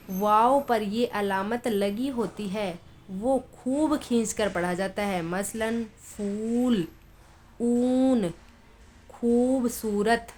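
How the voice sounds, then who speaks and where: A woman's voice: mid-range voice, slight background noise. A woman teaching a lesson, reading example words one at a time and explaining patiently. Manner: patient, repeats examples slowly, then explains quickly. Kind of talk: Urdu phonetics lesson.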